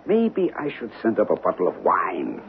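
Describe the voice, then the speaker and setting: An actor playing a courteous, considerate European hotel manager in an old radio drama, speaking formally and deliberately. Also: male voice, deep voice, huge pitch swings, heavily acted. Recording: tinny, noisy old radio recording.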